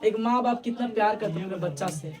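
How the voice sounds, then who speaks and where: A woman teacher, retelling a story to her students in an animated way, often repeating phrases and calling on them to listen. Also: mid-range voice, fast talker, far from the mic, a crowd in the background.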